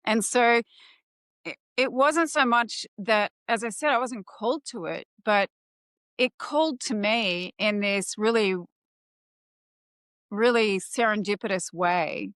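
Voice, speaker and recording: A woman's voice: medium pitch, takes it slowly, fairly bright tone, no room sound, clean studio sound. A woman, a podcast guest telling a personal story in an informal, candid way.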